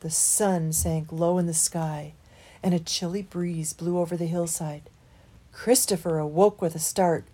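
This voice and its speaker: Woman reading a bedtime story to kids, slow and husky, goes hushed and whispery. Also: lowish voice, fairly even intonation.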